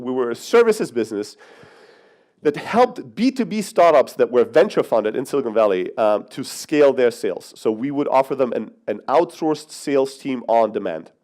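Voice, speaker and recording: A man in his thirties, Greek and raised in Germany, delivers a brash keynote in a conference hall, joking with the audience and occasionally swearing. His voice is medium-pitched and a little mellow.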